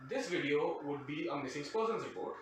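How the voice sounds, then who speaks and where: An animated man with a fairly high voice talks a little fast as he tells a wry, sarcastic comic anecdote that keeps drifting off topic. He grew up outside the country he now calls home and hosts a storytime show. The very echoey room, distant mic and faint noise shape the sound.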